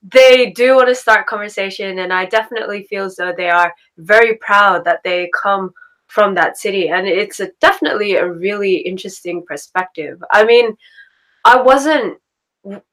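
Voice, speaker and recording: Australian woman, podcast host, casual chat, laughs often, mid pitch. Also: normal speed, a bit bright, low-quality recording. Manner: chatty, laughs often, repeats words for emphasis.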